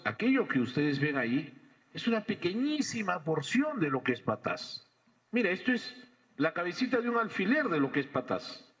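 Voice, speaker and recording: A man, a head of government giving a firm, deliberate press briefing and addressing the audience directly. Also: mid-range voice. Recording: slightly dull broadcast sound.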